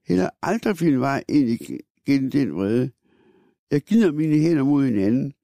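A man reading a first-person literary text aloud in a slow, measured, wry manner. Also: mid-range voice, big pitch swings, vocal fry, dark tone, dry recording.

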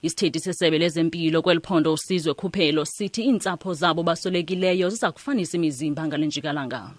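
Lady reading radio news, really quick, lowish voice, dry studio sound. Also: no room sound. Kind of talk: scripted news bulletin.

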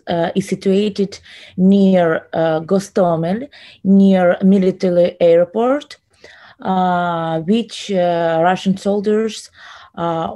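A woman from Ukraine speaking English with a Ukrainian accent, answering interview questions haltingly with many "uh" fillers. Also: on the low side, warm tone. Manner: hesitant, many pauses and "uh" fillers. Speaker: interview guest.

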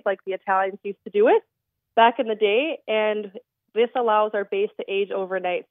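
A woman's voice: medium pitch, dry recording. A young woman from the Netherlands speaks over a tinny phone line, friendly and explanatory with frequent ums. The sound is dry and narrow, as if on a telephone. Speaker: creamery owner, phone guest. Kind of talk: radio phone interview.

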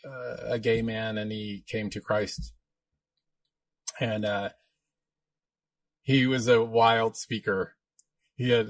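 A man's voice: lowish voice, creaky, no room sound. Chatty man hosting a live Q&A. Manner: chatty, joking, laughs often. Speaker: podcast host, minister. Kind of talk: live Q&A chat.

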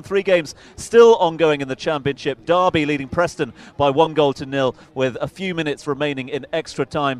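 A man presenting a radio sports show, briskly reading football results with frequent fillers. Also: on the high side.

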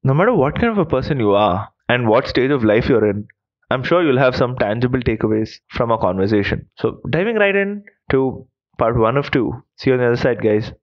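A man's voice: medium pitch, lively intonation, fairly quick, lo-fi sound. A man hosting a podcast, reading a scripted intro and interviewing in an upbeat, welcoming manner. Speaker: podcast host.

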